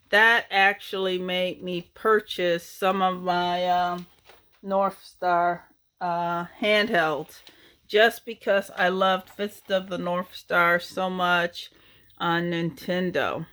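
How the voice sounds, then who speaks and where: Speaking slowly with fairly even intonation, a middle-aged woman whose voice sits on the low side and sounds fairly bright reminisces about her game collection. It's a casual, meandering chat filled with ums and uhs.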